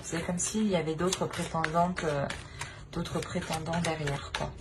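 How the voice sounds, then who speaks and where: A woman with a deep voice speaks at a measured pace, her intonation fairly even, as she improvises a tarot reading addressed straight to the listener in hesitant, repetitive phrases. Background noise is clearly audible in the recording.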